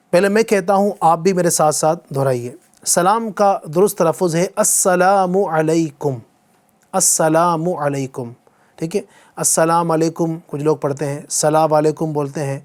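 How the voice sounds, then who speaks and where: A man with a Pakistani Urdu accent giving an Islamic lesson in numbered points, slowly repeating phrases for listeners to echo. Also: high voice. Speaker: religious teacher.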